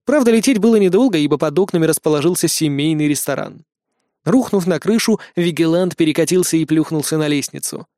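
A reader narrating a story in a brisk, wry manner. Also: mid-range voice, lively intonation, mellow, no room sound, studio quality.

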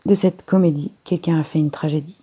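Woman reader voicing Poirot: courteous older detective, calm authority, dark husky tone. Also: deep voice, a little fast.

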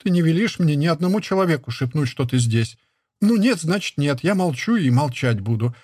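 Male narrator doing a fretful young peasant wife, higher register, husky, emotional. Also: expressive, fairly quick, a little mellow, no echo, clean studio sound. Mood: pleading. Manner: raised, plaintive, emotional pleading. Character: young village wife, anxious and pleading. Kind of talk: audiobook character reading.

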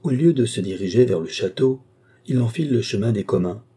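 A man's voice: medium pitch, expressive, brisk, mellow, breathy edge. A man voicing a sly, deferential valet who talks ceremoniously and at length in an audiobook. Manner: long-winded, ceremonious. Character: adult male valet, sly, wordy, deferential.

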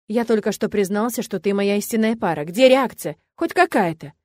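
A woman's voice: mid-range voice, lively intonation, fairly quick, darkish tone, natural voice. A woman voicing a confident, teasing male demon in a romance audiobook. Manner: teasing, sly.

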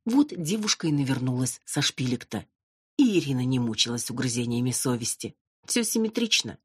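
A woman reading an audiobook narration in an even, wry storytelling manner. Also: rumbling low, brisk, husky, no room sound, clean studio sound. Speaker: audiobook reader.

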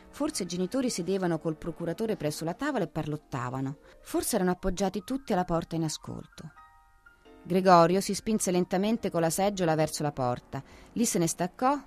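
Woman narrating an audiobook, low voice. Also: darkish tone. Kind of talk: scripted narration of a novel.

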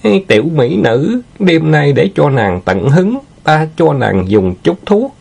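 A man's voice: a little high, very animated, takes it slowly, creaky, a little mellow, slightly rough, voice pushed up, heavily acted. A man doing a leering boastful wuxia villain. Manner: leering, sweet-talking, boastful. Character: lecherous young male villain, boastful and gloating.

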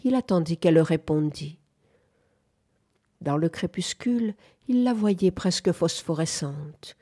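A woman narrating a classic novel in an audiobook, with a low voice and a dark, mellow tone. Her delivery is measured and even. Sentences unfold with calm literary care.

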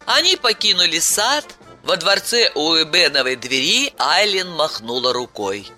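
A woman narrates a story in a measured, unhurried way. Her pitch moves lively through the sentences. The voice is bright and clear. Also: soft background music. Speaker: audiobook narrator. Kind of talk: scripted narration.

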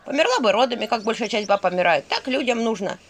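A woman's voice: fairly high pitch, animated, quick pace. A woman voicing an old female talking skull on a staff, with folksy, drawling speech. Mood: justifying.

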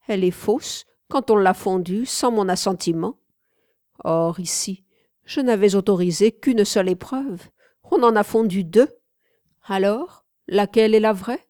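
A woman's voice: medium pitch, measured pace, a little mellow, no room sound, studio quality, close to an everyday voice. Woman reading as a pensive aging sculptor. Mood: musing. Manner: musing, rhetorical questions. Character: aging celebrated male sculptor, pensive and wry.

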